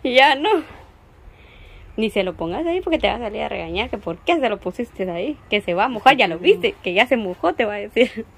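A woman's voice: medium pitch, expressive, a little fast. A woman vlogger chatting outdoors, teasing and coaxing with frequent laughs. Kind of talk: casual chat.

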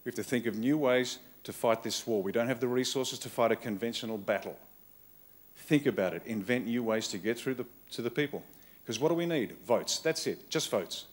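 A man's voice: mid-range voice, brisk. A middle-aged man with an Australian accent delivers a keynote from a conference hall stage, his mid-range voice carried by a podium microphone. He speaks in short, emphatic bursts and drives each point home by repeating it. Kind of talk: rousing political keynote speech. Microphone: podium microphone on a stand.

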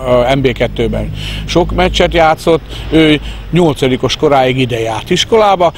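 A middle-aged man speaks in an interview with a mid-pitched voice and a halting delivery. He is outdoors in a park on a handheld mic, with faint background noise. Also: lively intonation. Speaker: fan club organiser, interviewee. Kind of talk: interview talk. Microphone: handheld reporter microphone.

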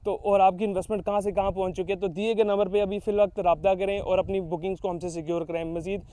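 Fast-talking young man selling plots. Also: flat delivery, warm tone. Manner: persuasive sales pitch with frequent fillers. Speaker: real estate agent. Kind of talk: promotional site-visit talk to camera. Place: outdoors beside a construction site.

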